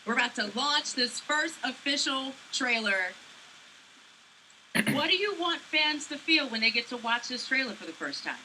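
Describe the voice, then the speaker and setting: Bright, peppy woman presenter. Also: sits high, lively intonation, normal speed, slight background noise, low-quality recording. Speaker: morning show interviewer. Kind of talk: upbeat live event interview. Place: large event hall with a rocket on display.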